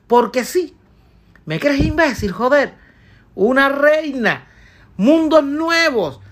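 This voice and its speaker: A woman voicing a jealous wife who scolds her husband in shrill, sarcastic rhymed verse for a comic piece. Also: fairly bright tone.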